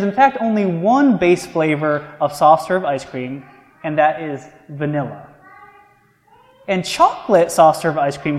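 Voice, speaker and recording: A male pastor delivers a sermon, easing from casual storytelling into slow, weighty emphasis on key words. His voice sits a bit on the high side. The sound rings with the long reverb of a large church sanctuary. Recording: echoey church hall.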